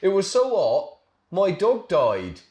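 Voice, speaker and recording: A man playing a crude, deadpan country farmer who rambles. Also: high-pitched, slow pace, reverberant, full character voice.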